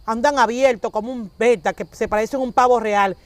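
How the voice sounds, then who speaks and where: Brisk and fairly high-pitched, another woman preaches conversationally. She acts out small dialogues with lively energy, changing voices as the characters switch.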